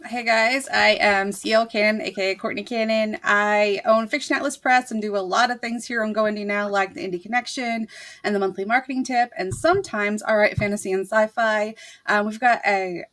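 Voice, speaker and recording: A woman's voice: medium pitch, fairly bright tone. Woman author and publisher, normal mid voice, casually introducing herself.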